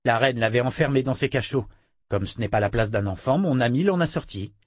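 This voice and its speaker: A man voicing a warm, steady young male hero in an audiobook reading, close to his own voice. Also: mid-range voice, fairly quick, dry recording, natural voice.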